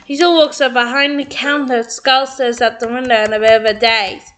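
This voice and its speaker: Excitable high-voiced woman reading a script. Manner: excitable and giggly, halting reading. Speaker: video creator reading a script aloud. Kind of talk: excited read-through with commentary.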